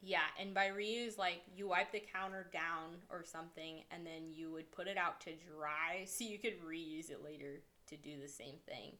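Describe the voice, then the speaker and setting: A woman's voice: lowish voice, fairly even intonation, normal speed, hardly any pauses, bright, forceful tone. Blunt, laughing woman in casual chat. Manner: blunt, swears, laughs often.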